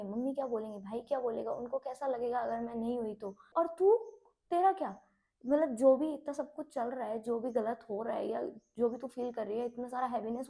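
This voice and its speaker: Young woman, high voice, mellow soft tone, subdued, heavy-hearted, confessional vlog, talks straight to viewers. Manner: speaks openly to viewers in a mix of Hindi and English. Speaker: singer and content creator.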